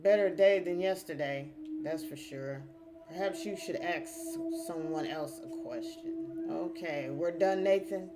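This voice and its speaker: A woman's voice: fairly low pitch, big pitch swings, measured pace, very noisy. A woman streaming a mystery game, chatting casually with her viewers while she questions the characters. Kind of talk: casual live-stream chat. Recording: clear game music behind.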